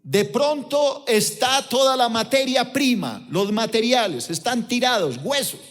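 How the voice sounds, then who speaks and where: Male pastor, high voice, emphatic sermon delivery, asks the room questions, big hall reverb. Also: animated, measured pace, fairly bright tone. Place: church auditorium. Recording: long reverb of a church auditorium.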